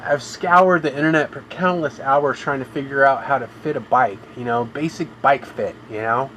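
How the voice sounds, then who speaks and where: A man's voice: medium pitch, moderate pace, fairly bright tone, a little hiss or hum, poor audio. Man rambling through gloomy complaints. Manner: rambling, complaining, fills with "you know". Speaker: game streamer. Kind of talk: live gameplay commentary.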